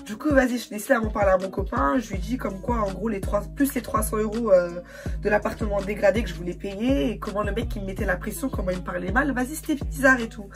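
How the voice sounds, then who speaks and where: A woman's voice: mid-range voice, fast talker, over music. A young woman vlogger telling a personal story in casual, slangy speech, acting out the people she quotes. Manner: slangy, animated, acts out quoted dialogue. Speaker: beauty vlogger.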